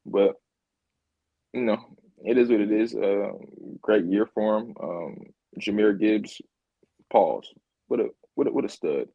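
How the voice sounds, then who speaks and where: A man's voice: on the low side, unhurried, vocal fry, pauses often, no echo, dull audio. A man co-hosting a podcast, chatting casually about football, repeating himself and laughing easily. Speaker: podcast co-host. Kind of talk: casual sports chat.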